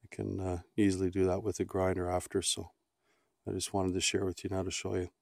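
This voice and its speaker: Middle-aged guy, lowish voice, casual um-filled diy walkthrough outside, dry close sound. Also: completely flat delivery, gravelly, darkish tone, no echo. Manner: halting, many ums and restarts, plain-spoken. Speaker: outdoor vlogger. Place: outdoors on a grassy lawn beside a canoe.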